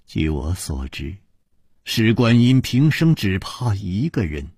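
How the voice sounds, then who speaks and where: A sorrowful ailing woman confesses in a hushed, breathy murmur, as a male storyteller puts her on. The voice is low and husky, sometimes nearly whispered. It sounds close and dry. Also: sing-song, takes it slowly, dry recording, full character voice. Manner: soft, low, breathy and subdued.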